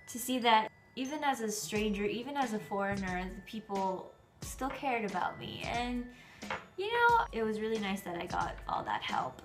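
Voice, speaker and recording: A woman's voice: mid-range voice, fairly bright tone. A young woman vlogging from her apartment, telling a travel story in a chatty, enthusiastic way. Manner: chatty and enthusiastic, full of "like" and "you know". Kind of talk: casual travel storytelling to camera.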